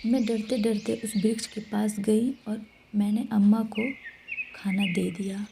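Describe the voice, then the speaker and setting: A woman's voice: mid-range voice, little pitch movement, a little slow, creaky, dark tone, a little hiss or hum. A woman whispering a first-person horror story throughout.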